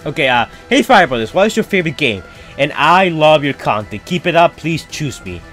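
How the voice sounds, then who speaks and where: On his channel, a young YouTuber with a foreign-sounding accent chats through fans' questions, rambling and filling gaps often. He talks fairly quickly in a fairly high, slightly bright voice with big pitch swings, and faint music plays behind him.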